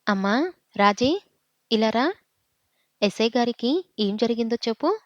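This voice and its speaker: A woman voicing a gentle, worried older father who soothes his son, in a dull, dry recording. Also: fairly high pitch, lively intonation, measured pace, no room sound. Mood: soothing.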